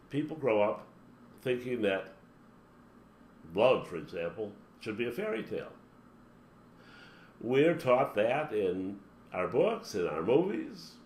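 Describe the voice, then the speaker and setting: This spiritual teacher's voice runs low with a somewhat dark tone as he gives an emphatic motivational talk full of long spoken lists. The room echoes noticeably, and a faint hum sits in the background.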